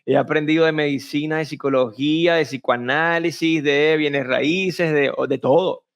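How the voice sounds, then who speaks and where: A man's voice: on the high side, normal speed, smooth. A man with a Venezuelan accent, a communication coach telling anecdotes in a conversational interview, acting out voices as he goes. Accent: Venezuelan Spanish. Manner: animated storyteller, acts out quoted voices. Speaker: communication and public speaking coach, interview guest.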